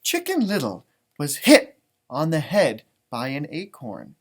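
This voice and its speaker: A man hosting a children's storybook read-aloud, expressive and playful, adding chatty asides and wondering aloud. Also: a little high, measured pace, slightly rough. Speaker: storytime read-aloud host, music teacher.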